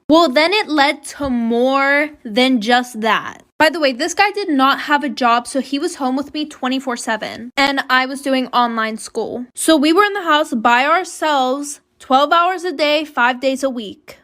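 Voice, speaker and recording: Woman, high-pitched, casual storytime narration, chatty with lots of fillers. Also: a bit bright. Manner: chatty, full of filler words like 'anyways' and 'like'.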